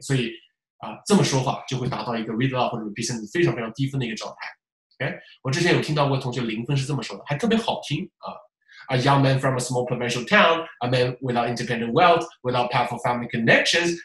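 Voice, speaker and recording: A man teaching test preparation in a lecture style, animated, asking rhetorical questions and demonstrating examples aloud. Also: mid-range voice. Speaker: English test prep teacher. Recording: roomy echo.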